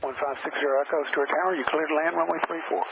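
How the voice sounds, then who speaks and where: Flat calm controller over aviation radio. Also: male voice, a little high, racing, gravelly. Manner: calm, steady, flat delivery. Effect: aviation radio transmission. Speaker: air traffic controller. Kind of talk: clipped radio phraseology. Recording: muffled radio with static hiss.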